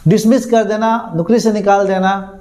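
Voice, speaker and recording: A man's voice: sits high, level tone, moderate pace, darkish tone. A man teaching an English class, repeating words and quizzing his students. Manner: repeats words, asks students questions, chuckles. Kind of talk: classroom lesson.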